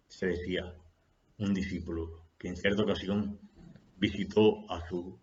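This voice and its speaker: A man speaks in an unhurried, reflective way on spiritual matters and poses rhetorical questions to his listeners. His voice sits low. The recording is dull and lo-fi. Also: a bit bright.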